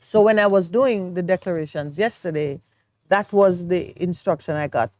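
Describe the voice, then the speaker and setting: Her voice is fairly low and darkish, delivered at normal speed with no room sound. She's a Jamaican co-host of a morning talk show, earnestly and reflectively explaining her views in a studio discussion.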